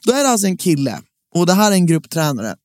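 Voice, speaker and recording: A young man co-hosting a casual podcast chat, telling an animated rant of a story. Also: high-pitched. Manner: animated storytelling with rants and acted quotes. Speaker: podcast co-host. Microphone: studio microphone.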